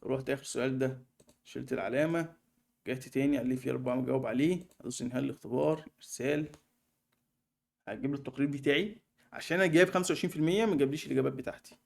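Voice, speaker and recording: Fast-talking Egyptian man explaining software. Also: medium pitch, vocal fry. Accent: Egyptian Arabic. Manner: fast, chatty explaining with many fillers. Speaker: online course tutor. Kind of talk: screen-recorded software tutorial.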